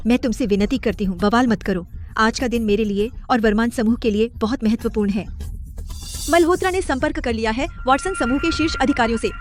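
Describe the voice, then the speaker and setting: A woman's voice: a little high, a little fast, soft background music, close to an everyday voice. An actress playing a proud businesswoman who pleads with and scolds her estranged husband, in a dubbed short drama. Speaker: wife.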